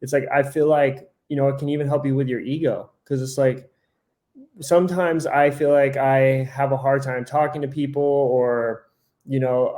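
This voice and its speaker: A man's voice: mid-range voice, mellow. A man co-hosting a podcast in casual chat, rambling with lots of "like" and self-corrections, acting out his own thoughts in quoted asides. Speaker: podcast co-host.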